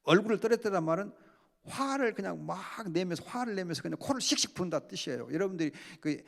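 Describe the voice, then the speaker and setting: A man preaching at a Bible study as pastor, lively, acting out quoted complaints and prayers. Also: fairly high pitch, vocal fry.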